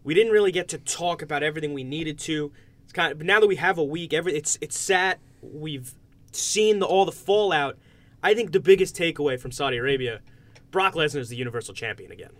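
Male podcast host, fairly high voice, casual sports-talk delivery. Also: fast talker, no echo.

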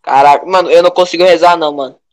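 A young man with a Brazilian Portuguese accent, chatting casually in a rambling, animated way full of slang. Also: a little high, racing.

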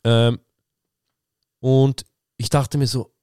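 A man's voice: mid-range voice, very slow, clean tone, no room sound, studio quality. A young man chatting casually on a podcast, telling stories in slangy speech and acting out what friends said. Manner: animated storytelling, slangy, acts out quoted friends. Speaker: podcast co-host. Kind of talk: casual chat.

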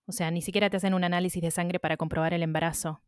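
A woman's voice: lowish voice, little pitch movement, very fast, clean tone, no room sound, clean studio sound. A woman with an Argentine accent, a podcast co-host adding brief supportive remarks and factual asides in casual chat. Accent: Argentine Spanish.

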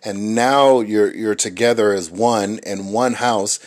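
A man with a lowish voice reflecting on marriage in a relaxed podcast chat. He speaks haltingly, with many ums and self-corrections as he works through his thoughts. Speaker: married co-host. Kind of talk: reflective casual talk.

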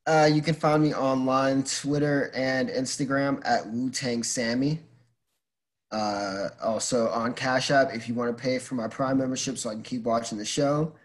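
A man speaking as a podcast guest in informal chat, haltingly, thinking aloud as he goes. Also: mid-range voice, fairly even intonation. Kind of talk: casual chat.

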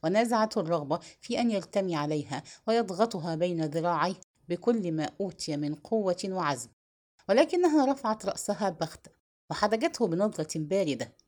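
A woman's voice: fairly low pitch, a little fast. Woman narrating a novel expressively. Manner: expressive storytelling reading. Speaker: audiobook narrator. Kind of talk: scripted narration of a historical novel.

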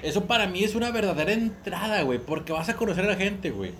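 A man's voice: high-pitched, animated, fast talker, fairly bright tone, a little hiss or hum. A young man with a Mexican accent in casual podcast chat, joking and saying "güey" constantly.

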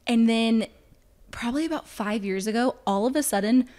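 A woman guesting on a podcast, chatty and telling lively stories in a casual chat. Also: a little high, normal speed. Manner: animated storyteller, chatty.

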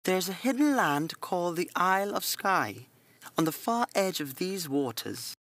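A man voicing a calm, devout middle-aged nun who speaks with gentle, motherly earnestness. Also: high voice, a little slow, no echo, voice pushed up, exaggerated voice. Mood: earnest.

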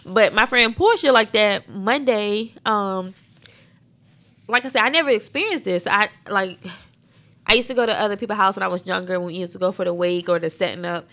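Young adult woman from South Carolina, podcast co-host, bright and expressive, casual chat. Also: mid-range voice, a little fast.

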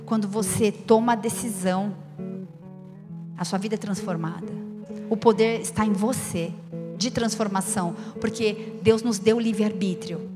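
A woman in her forties preaching a sermon, earnest and often asking the listeners direct questions. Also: mid-range voice. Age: 40s. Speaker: pastor. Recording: long hall reverb with guitar music behind.

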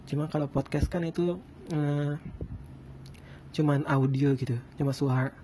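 A man's voice: fairly high pitch, steady tone, a little slow, dark tone, a little hiss or hum. A man from Indonesia with casual speech and a speech impediment on his r, chatting in a rambling, self-deprecating, slangy way as a solo podcast host. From Bandung, Indonesia. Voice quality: lisped, non-rolled r.

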